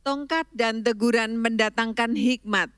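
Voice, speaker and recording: A voice reading Bible verses aloud in a slow, measured recitation during a sermon. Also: medium pitch, steady tone, fairly bright tone, smooth, no echo, studio quality. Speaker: scripture reader.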